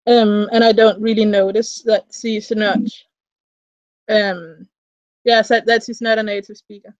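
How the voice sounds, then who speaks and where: Interviewed casually over a video call, a young woman from Denmark who writes fan fiction speaks accented English, her second language, rambling and restarting with lots of fillers. Heard via webcam mic in a small room, her medium, darkish voice is flat and measured, with no echo and the highs cut off.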